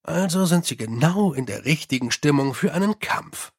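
A weary middle-aged police commander, read by a male narrator speaks bluntly and dryly. He grumbles about paperwork, and his voice stays fairly high and plain. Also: lively intonation, normal speed, slightly rough. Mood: commanding.

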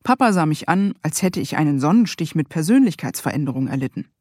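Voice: medium pitch, big pitch swings, quick pace, a little mellow, no room sound. An author reading their own memoir aloud in the first person, with a dry, wry sense of humor.

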